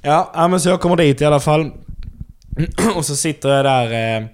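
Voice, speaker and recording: A male stand-up comedian telling a casual podcast story, lively and acting out the people he quotes. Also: fairly high pitch.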